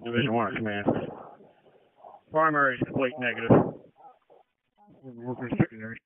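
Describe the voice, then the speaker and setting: A man's voice: mid-range voice, normal speed. A man giving terse emergency reports over a two-way radio. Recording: tinny two-way radio, faint noise.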